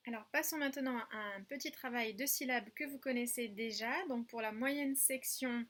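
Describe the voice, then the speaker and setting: A woman with a French accent, teaching young children at home by video, speaking slowly and clearly and drawing out numbers and syllables. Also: fairly high pitch, fairly bright tone, a little hiss or hum. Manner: slow, clear, drawn-out counting and syllable spelling. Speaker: preschool teacher.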